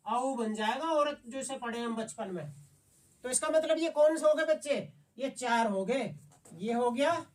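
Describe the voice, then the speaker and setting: This male Hindi teacher, recorded from afar, has an extremely high-pitched voice. Running an exam-prep lesson, he asks the class questions, supplies the answers himself, and coaxingly repeats "समझ गए बच्चे?".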